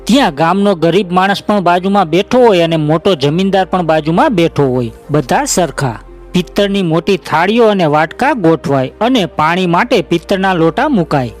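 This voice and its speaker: Guy telling a heartfelt story like a documentary, kinda high voice, quiet music behind. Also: lively intonation, normal speed. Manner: emotive storytelling, addresses listeners as friends. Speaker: narrator. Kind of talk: scripted documentary narration.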